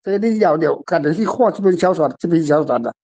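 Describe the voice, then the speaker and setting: An older Taiwanese-accented man, a guest author taking questions, speaks quickly in a high, slightly mellow voice. His unscripted talk on literature rambles, plain and emphatic, with repetition.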